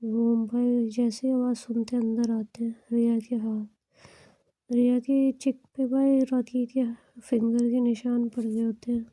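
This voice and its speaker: A woman tells a love story in a casual, flat voice, often sinking close to a whisper. Her tone is very dark and husky, and her pitch sits a little high but barely moves. The recording is close and completely dry. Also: a little slow, dry recording, poor audio. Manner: flat retelling with quoted dialogue, often near a whisper.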